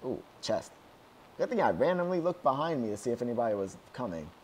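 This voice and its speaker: A young man giving casual commentary on his own gameplay at home, excitable and yelling whenever things go wrong. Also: mid-range voice, quick pace, a little hiss or hum. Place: at home, outside his room.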